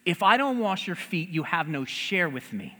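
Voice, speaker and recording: A man voicing a calm, patient male teacher who gently corrects his student in plain words. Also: high-pitched, moderate pace, in a large hall, heavily acted.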